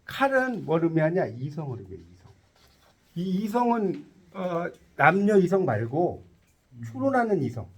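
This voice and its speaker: A man's voice: sits high, very animated, normal speed, breathy edge. A man teaching a tarot lecture to a class, quizzing his students and cracking jokes as he explains. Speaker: tarot instructor.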